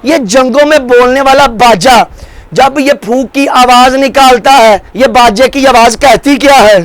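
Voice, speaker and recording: A man preaching a religious sermon at a mourning gathering, impassioned, swearing oaths and piling up rhetorical questions, swinging between loud rises and hushed drops. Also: very high voice, rough recording. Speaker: majlis preacher.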